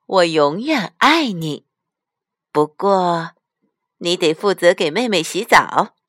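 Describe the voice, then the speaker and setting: Storybook casting: a patient mother bear, warm and reassuring, unhurried, in a dry close sound, read by a woman. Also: on the low side, expressive, no room sound.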